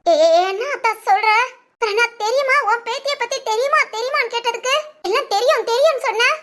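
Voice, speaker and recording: A woman's voice: very high-pitched, fast talker, a bit bright. A woman acting a nosy, gossiping village woman who pries and wheedles. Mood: prying.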